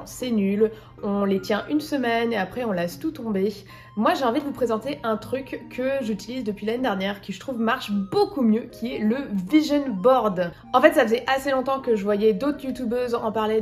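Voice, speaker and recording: Bubbly young woman vlogging, kinda high voice, light music behind. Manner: bubbly, chatty. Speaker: content creator. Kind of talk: casual vlog talk to camera.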